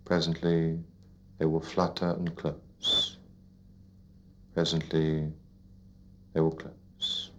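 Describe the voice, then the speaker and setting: A man guiding a listener into sleep as a hypnotist, in a soothing, repetitive, deliberate narration with pauses, like a sleep story narrator. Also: very deep voice, monotone, a bit bright, a little hiss or hum. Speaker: hypnotist leading a relaxation induction. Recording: dull lo-fi recording.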